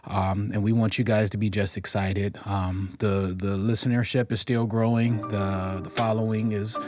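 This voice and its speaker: A man co-hosting a podcast in casual chat, relaxed and plainspoken. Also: fairly low pitch, moderate pace, over music. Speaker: podcast co-host.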